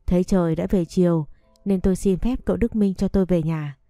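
A woman calmly narrating a story in the first person. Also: lowish voice, a little fast, no room sound, clean studio sound, faint music behind.

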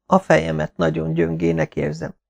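A man voicing a miserable, hungover young Saxon noblewoman who speaks weakly and softly. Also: on the high side, monotone, vocal fry, voice pushed up. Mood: dismayed. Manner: weak, hushed speech.

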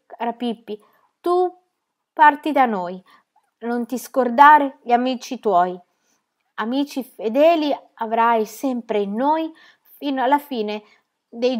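Give me an upset young boy, as a woman reader puts him on, speaking in a trembling, halting voice. The pitch rises above the reader's own and the pace drags slowly. It is a storybook reading voice on the edge of tears. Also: animated.

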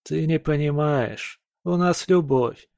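A man's voice: on the high side, slow pace, a little mellow, no room sound, studio quality, voice pushed up. A man reading an audiobook and voicing a hungover male friend who moans and pities himself. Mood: pleading. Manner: moaning, self-pitying.

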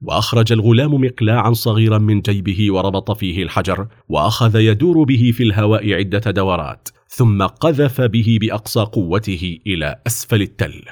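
A man narrating a children's story about a famous person's childhood in an expressive storytelling manner. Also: fairly low pitch, brisk.

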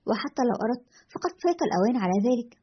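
A weary, cynical male radio host, put on by a woman reading the story speaks in a grim, detached way. The voice is husky and rushes along at a very fast pace, heard through a dull, lo-fi recording. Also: fairly high pitch, big pitch swings.

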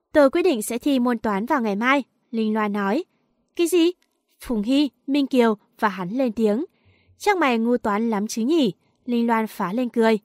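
A woman with a somewhat high voice reads a story aloud, lifting or dropping her pitch to mark the characters. She is recorded close to the mic in a dry space with no room echo. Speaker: narrator reading a story. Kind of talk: storytelling narration.

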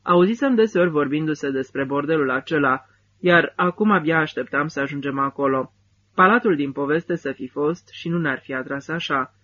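A man's voice: fairly high pitch, fairly bright tone. Man narrating an audiobook, slightly muffled. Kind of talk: scripted first-person literary narration.

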